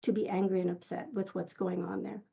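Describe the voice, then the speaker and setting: A woman's voice: mid-range voice, flat delivery, fairly quick, gravelly, mellow, slightly rough, highs cut off. A woman in her fifties from Israel, an audience member asking an earnest, rambling question over a video call.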